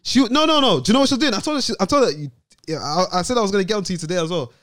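A young man with a London roadman accent hosts casual banter in a slightly high, lively voice that swings widely. He rants in thick street slang with exasperation, recorded dry and close. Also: racing, dry recording. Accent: London, urban roadman slang. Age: young adult. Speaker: podcast host.

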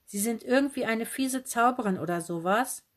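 A woman's voice: fairly high pitch, moderate pace, natural voice. A woman voicing a curious, anxious little girl, talking urgently and pleading. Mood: eager.

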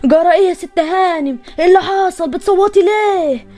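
A woman voicing an older Egyptian doorman who speaks gruffly but deferentially. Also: very high-pitched, brisk, warm tone, faint music behind. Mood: puzzled.

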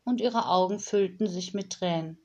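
A woman reading a children's story aloud in a calm, measured way. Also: medium pitch.

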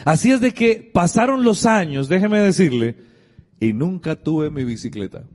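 Middle-aged man, pastor, lively storytelling sermon, fairly high voice, long hall reverb. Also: normal speed. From Colombia. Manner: storytelling, acts out dialogue, addresses the congregation directly. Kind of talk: sermon with a personal anecdote.

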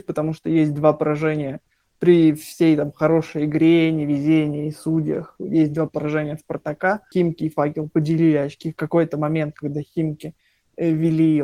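A man giving a halting post-match football analysis, with many fillers and restarts. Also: a little high, dark tone, dry recording. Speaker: football pundit.

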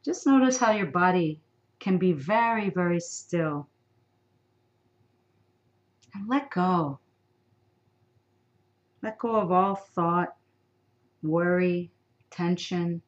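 Speaking very slowly and softly in a lowish, gentle voice, a woman leads a sleep meditation, leaving long pauses between soothing instructions. The audio is lo-fi.

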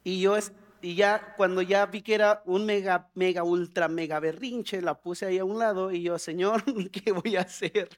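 Animated pastor preaching. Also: male voice, moderate pace, clean tone. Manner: animated, acts out prayers in a higher pleading voice, humorous asides. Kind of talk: sermon.

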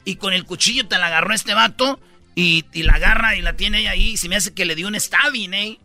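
A man's voice: high-pitched, brisk, sharp tone, soft background music. A man hosting a comedy radio show, telling stories rowdily with slang and sound effects. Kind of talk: joking radio banter.

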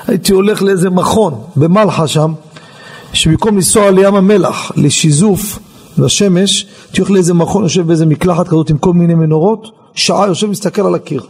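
Animated high-voiced man telling a story. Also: slightly rough. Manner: animated storyteller, acts out other people's lines. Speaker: rabbi giving a lesson. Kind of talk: storytelling in a Torah class. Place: study hall.

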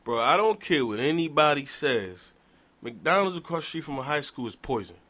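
A man's voice: medium pitch, big pitch swings, normal speed, a bit bright. A man, talking animatedly in a casual podcast discussion with sarcastic asides. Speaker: podcast panelist.

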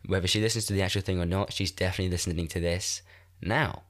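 A man in his twenties hosts a solo podcast into a desk microphone from a room in a shared house, his nose blocked and congested. His low, slightly bright voice stays steady as he talks fast, rambling, mocking himself and swearing.

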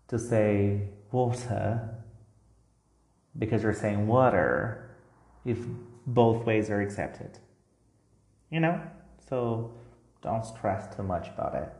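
With a gravelly, mid-range voice, a man teaches English to learners in a recorded lesson, keeping things relaxed and reassuring and often saying "like" and "you know." Faint guitar music plays under a roomy echo.

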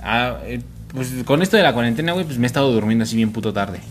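A young man with a Mexican accent tells a ghost story in loose, crude slang, joking and laughing along the way. His voice sits at an ordinary middle pitch. A faint hiss runs under the talk. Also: quick pace. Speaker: podcast co-host. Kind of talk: casual storytelling chat.

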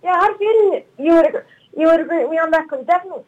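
A woman's voice: very high-pitched, very fast, muffled recording. A woman calling in to a radio show, chatting and giggling as she tells a story. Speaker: caller guest. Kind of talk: casual chat.

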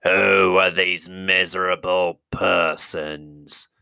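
A man voicing a slow, menacing goblin king. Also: low voice, fairly even intonation, creaky, pushed and bright, no echo, full character voice. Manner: slow, menacing, drawn-out delivery with hissed asides. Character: huge cruel male goblin king. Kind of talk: audiobook character voice.

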